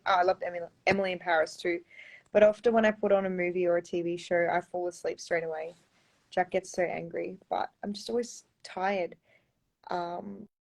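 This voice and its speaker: Chatty Australian young woman on livestream. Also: on the low side. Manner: chatty, reads viewer comments aloud, often says um and like. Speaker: pageant contestant answering fans. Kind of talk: casual live-stream Q&A.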